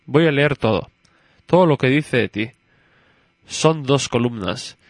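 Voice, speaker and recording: A man's voice: mid-range voice, a little slow, no echo. A man reading a story aloud and voicing a curious, chatty little girl who keeps questioning her father. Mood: innocent curious.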